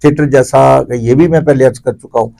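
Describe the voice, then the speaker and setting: A middle-aged or older man with a Pakistani accent, a theatre commentator, speaks as an interview guest. His mid-range voice is creaky and dark, and his talk is reflective, discursive and explanatory.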